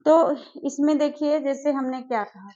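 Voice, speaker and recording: Woman teacher, fairly high voice, slow syllable drills, dull lo-fi sound. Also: dark tone. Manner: slow, drawn-out syllable drills with repeated questions. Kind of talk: exam-prep grammar lesson. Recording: dull lo-fi recording.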